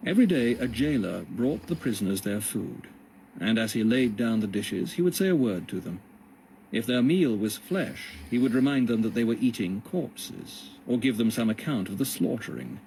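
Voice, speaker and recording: Male audiobook narrator, mid-pitched, expressive. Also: vocal fry, slight background noise. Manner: measured storytelling reading.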